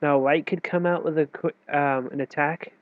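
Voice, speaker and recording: A chess teacher whose voice is on the high side, fairly even and moderately paced, sounds stuffy and nasal from a cold. He explains moves casually and loosely, self-correcting, on a tinny, dry, phone-like recording with no echo.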